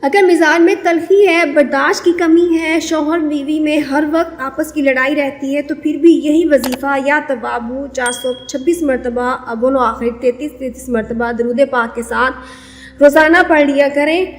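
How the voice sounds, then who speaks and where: A woman giving measured religious instruction, explaining devotional prayers and telling moral stories. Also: high voice, fairly even intonation, a little hiss or hum. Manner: measured, didactic, repeats prayer counts. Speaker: Islamic devotional speaker. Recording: long reverberant echo.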